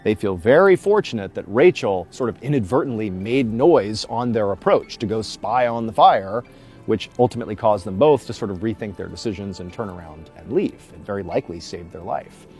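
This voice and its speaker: Animated man telling creepy stories over music. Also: lowish voice, a little fast, breathy edge. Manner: conversational, emphatic, suspense-building. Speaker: storyteller, host of a story show. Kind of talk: informal, dramatic spoken storytelling of creepy true tales.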